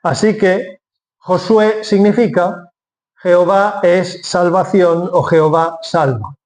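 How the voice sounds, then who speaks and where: A man's voice: high voice, steady tone, slow, darkish tone. A man preaching a sermon from Spain, explaining step by step and asking then answering his own questions.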